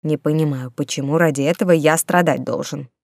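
A woman's voice: low voice, animated, normal speed, a little mellow, no room sound, clean studio sound. Casting: sarcastic male rat familiar, read by a woman, grumbly, sly, storybook. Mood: snide grumbling. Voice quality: grumbling, snide.

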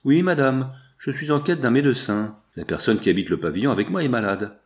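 A man's voice: medium pitch, lively intonation, fairly quick, close to an everyday voice. A man voicing a scheming male impostor in an audiobook, curt and threatening. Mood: menacing. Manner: threatening, then stammering. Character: menacing male impostor posing as a baron.

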